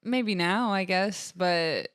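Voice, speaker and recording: Smooth-voiced woman co-host. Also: on the low side, slow pace, a bit bright. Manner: supportive, agreeable. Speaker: podcast co-host. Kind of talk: casual podcast chat.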